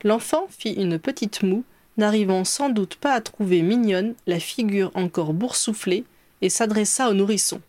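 A woman narrating a story as an audiobook, clear and even in her telling. Her voice sits at a middle pitch, and the recording is dry and close with no room sound. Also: moderate pace, no room sound. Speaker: reader. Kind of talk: audiobook narration of fan fiction.

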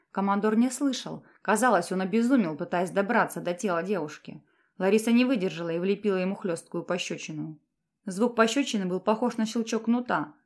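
A woman narrates an audiobook in a measured, even manner. Her voice sits at an ordinary middle pitch, and she reads steadily. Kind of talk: scripted narration.

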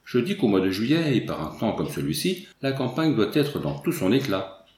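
Un époux fier qui ne cède pas, qu'un homme lecteur fait parler dans un livre audio, d'une diction digne et assurée. Une pièce réverbérante entoure la voix. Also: male voice, on the low side, sing-song, normal speed, a little mellow. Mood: enthusiastic. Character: young husband, proud and stubborn. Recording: roomy echo.

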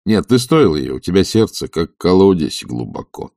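A man voicing a steady, practical friend with a calm, reassuring manner. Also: low voice, normal speed, creaky, no echo, clean studio sound, full character voice.

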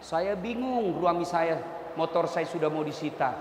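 A man voicing a worried husband in debt who confides in a preacher, speaking low and hushed in an echoey hall. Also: animated, normal speed, slight background noise, natural voice.

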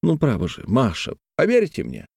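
A teasing, ardent young nobleman voiced by a male audiobook reader speaks in a lifted, lilting, animated way. The sound is dry and close, with no room around it. He plays with words, lightly mocking and pleading. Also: medium pitch, moderate pace, creaky, slightly rough, no room sound, full character voice. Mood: playful, ardent. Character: playful, talkative young nobleman in love.

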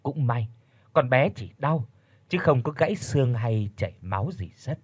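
A man reading a story aloud as an expressive audiobook narrator. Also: mid-range voice, normal speed, husky, dry recording. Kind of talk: scripted narration.

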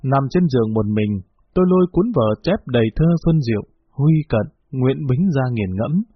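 Husky male audiobook narrator. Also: mid-range voice, animated, dry recording, narrow, tinny audio. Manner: measured, wistful storytelling. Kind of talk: audiobook narration of a memoir novel.

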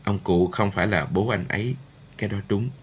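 A man voicing a gentle, kind noblewoman and mother in an audiobook, speaking softly. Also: on the low side, fairly quick, a little hiss or hum, close to an everyday voice. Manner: soft, gentle.

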